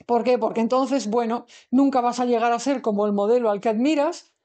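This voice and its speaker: Woman lecturing, mellow voice, lots of um and restarts. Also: fairly high pitch, a little fast. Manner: reflective, thinks aloud with many fillers and restarts. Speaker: spiritual teacher. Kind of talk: recorded lecture on the soul.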